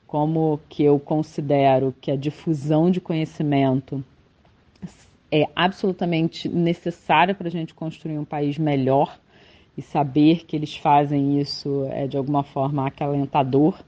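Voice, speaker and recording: A Brazilian woman speaks in a warm, mellow voice, reflecting slowly and restarting her sentences as she searches for words. It is a podcast commentary with a slightly muffled, lo-fi sound. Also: sits low, fairly even intonation. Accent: Brazilian Portuguese. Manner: thoughtful, halting, many restarts and fillers. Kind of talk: reflective monologue.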